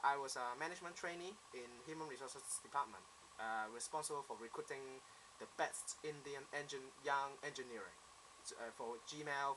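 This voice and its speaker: A young man in his twenties speaks with a Hong Kong accent, telling his story in an earnest, plain way. His voice is bright and clear. A faint hiss sits under the recording. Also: medium pitch, rough recording. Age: 20s. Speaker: applicant. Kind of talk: self-introduction video monologue.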